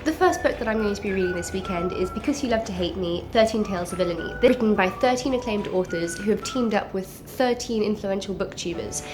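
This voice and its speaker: Over background music, a woman whose accent mixes South African and English talks books to camera with real enthusiasm. Her cold leaves her nasal and congested, but her medium-pitched delivery stays lively and brisk, with few pauses.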